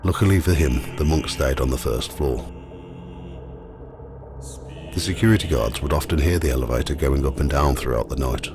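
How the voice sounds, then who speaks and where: A man narrating a scripted ghost walk as the guide, telling the stories in a measured, matter-of-fact way. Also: very deep voice, over music. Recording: clearly noisy, ambient sound behind.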